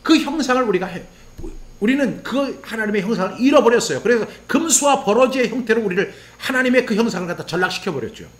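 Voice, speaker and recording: A man's voice: sits high, fast. A man preaching a sermon as pastor, asking the listeners questions and acting out quoted prayers and complaints. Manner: acts out quoted prayers and grumbling in lively voice; asks the listeners questions and answers them.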